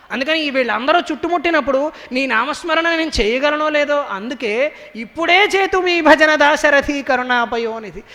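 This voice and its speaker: A young male orator with a very high, bright, forceful voice gives a devotional discourse. He moves between lively storytelling and slow, intoned verse chanting. His voice rings with the long reverb of a temple hall. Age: young adult. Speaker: spiritual orator. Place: temple hall during a public lecture.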